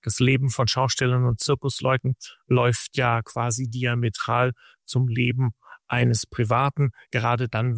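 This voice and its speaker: Guy with a gravelly voice, calm steady explaining, dry studio sound. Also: mid-range voice, no room sound. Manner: measured, explanatory, long sentences. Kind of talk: radio interview answers.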